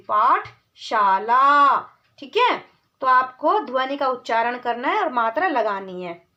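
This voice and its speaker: A woman teaching a children's reading lesson, calling the children "beta" and drawing out each word slowly before she repeats it. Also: sits high, bright, forceful tone.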